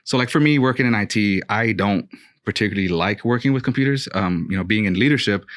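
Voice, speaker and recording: Low-voiced laid-back podcast co-host. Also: male voice, quick pace, no room sound, clean studio sound. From Brooklyn, New York. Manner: relaxed, rambling with many fillers. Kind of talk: casual chat.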